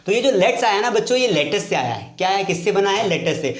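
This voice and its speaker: High-voiced man teaching in an echoey room. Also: sing-song, quick pace. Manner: asks questions and answers them himself, repeats key points; addresses students as dear children. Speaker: English teacher. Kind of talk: classroom lesson.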